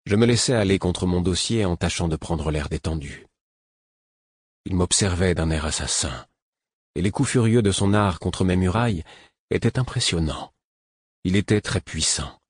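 A man reading a novel aloud as an audiobook narrator, in a measured, even way. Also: sits low, slightly rough, no echo. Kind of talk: scripted narration.

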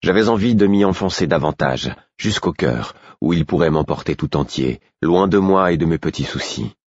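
A man narrating a novel in the first person, with a husky voice and a measured, introspective reading. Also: low-pitched, lively intonation, darkish tone, no echo, muffled recording. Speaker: audiobook narrator.

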